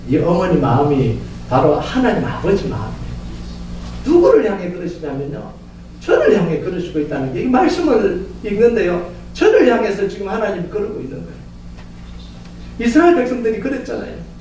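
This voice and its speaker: High-voiced, animated male pastor preaching. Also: a little fast, slight background noise. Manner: animated storytelling, often acting out voices. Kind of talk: sermon. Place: church sanctuary. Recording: echoey church from far off.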